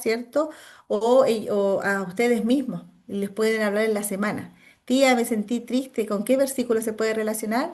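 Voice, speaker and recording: A woman's voice: fairly high pitch, a little mellow. A woman, a psychologist, giving a church training lesson to Sunday school teachers, explaining patiently and checking in with frequent tag questions.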